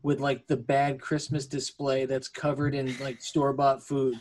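A man's voice: medium pitch, normal speed, slight background noise. A man co-hosting a podcast, chatting casually and riffing with jokes. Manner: joking, animated riffing. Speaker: podcast co-host. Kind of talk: casual chat.

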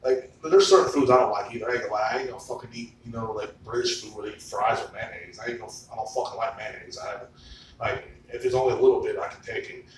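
A host in his thirties chats casually at a quick pace, telling loose, profane stories peppered with "like." He sits far from the mic in an echoey, boomy room with faint noise.

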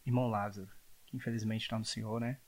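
A man's voice: lowish voice, flat delivery, quick pace. A man who is a guest in a casual chat, telling anecdotes and laughing often.

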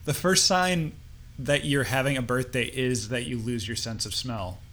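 A man's voice: medium pitch, moderate pace, fairly bright tone, slight background noise. Wry, teasing man podcasting. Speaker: podcast co-host. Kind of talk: casual comedic chat.

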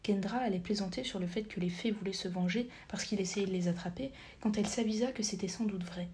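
A woman narrating a storybook audiobook, reading steadily and sometimes dropping to a soft, near-whispered tone. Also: medium pitch, fast talker, slight background noise. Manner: steady reading, drops to a soft near-whisper at times, corrects small slips. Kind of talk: scripted narration.

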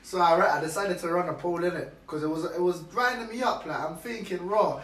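A man's voice: sits high, fairly quick. Young London roadman, echoey and distant. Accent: London roadman (Multicultural London English). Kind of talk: casual chat in street slang. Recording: echoey room, distant mic, faint noise.

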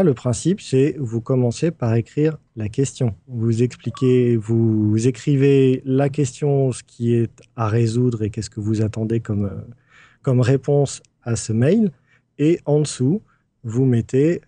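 Male podcast speaker, very dark tone, dry close sound, methodical explainer. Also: medium pitch, a little slow, no room sound. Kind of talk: casual explanation.

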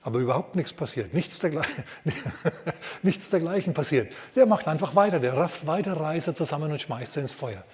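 A male pastor preaching a sermon, retelling a story with lively asides to the congregation. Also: a little high, normal speed, big-room sound.

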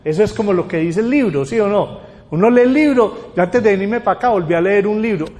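An older man giving a lively public talk, often asking the audience rhetorical questions. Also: high-pitched, brisk. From Colombia. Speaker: lecturer. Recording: long hall reverb.

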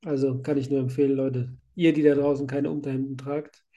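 This cold-stricken podcast host from Germany, a site manager in his thirties, keeps up a cheerful, rambling chatter full of laughs. His medium-pitched voice is warm and level, and he talks briskly.

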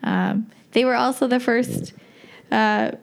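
A woman's voice: on the high side, wildly swooping pitch, slow pace, gravelly. A woman co-hosting a podcast in casual chat, chatty, enthusiastic and playful. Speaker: podcast co-host.

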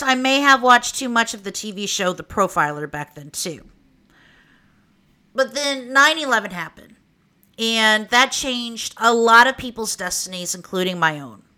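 Bright-voiced woman with an Okie accent. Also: on the high side. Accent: Oklahoma (Okie). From Oklahoma, United States. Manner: candid, informal, wry. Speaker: podcast host. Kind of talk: conversational personal monologue for a true crime podcast.

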